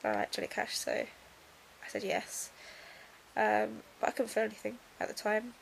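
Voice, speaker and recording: A young woman talking casually in a video diary, subdued and drowsy as she recovers from surgery, her voice creaky and breaking into breath. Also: medium pitch, fairly even intonation, measured pace, a little hiss or hum, low-quality recording. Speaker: vlogger.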